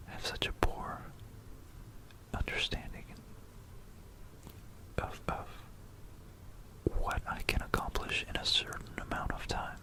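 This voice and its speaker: An ASMR creator whispers softly without voicing, alternating between reading aloud and casual, musing asides. They are close to a binaural stereo microphone, and the recording quality is low.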